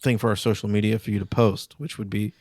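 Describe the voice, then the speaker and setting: A man's voice: on the low side, fairly even intonation, quick pace, a little mellow, dry recording. A young man hosting a casual podcast chat, rambling with lots of fillers and restarts. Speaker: podcast host.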